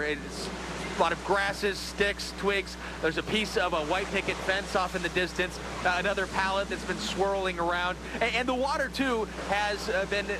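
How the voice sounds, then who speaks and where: A man with a high voice gives a live field report from outdoors. He describes what is in front of him haltingly, piece by piece. Wind and rushing water are clearly heard behind him. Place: outdoors by a building, partly sheltered from wind.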